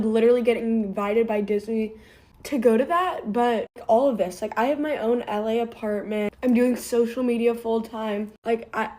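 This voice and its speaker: Twenty-something girl doing her makeup and rambling, higher voice, says like constantly, phone at her vanity. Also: a little hiss or hum. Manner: chatty, filler-heavy, "like" in every sentence; sings snippets of songs softly. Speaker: social media creator. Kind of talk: get-ready-with-me vlog chat. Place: bedroom vanity at home.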